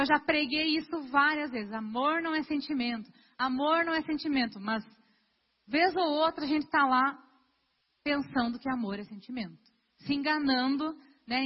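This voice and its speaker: A young woman giving a sermon in an earnest, conversational way, talking straight to her congregation. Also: high voice. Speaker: preacher. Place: church hall. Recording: dull lo-fi sound with long hall reverb.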